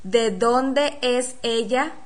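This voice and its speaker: A woman teaching a pronunciation lesson, saying model sentences slowly and carefully so they can be repeated. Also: on the high side. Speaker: language teacher. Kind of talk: slow, clearly articulated pronunciation drill.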